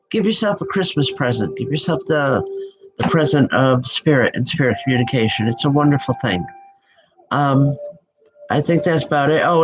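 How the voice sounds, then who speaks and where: A Northeastern US woman with a low voice gives a live-streamed spiritual reading as a psychic medium. Congested from a nasal head cold, she rambles in a chatty, affectionate way full of fillers, and the recording is rough.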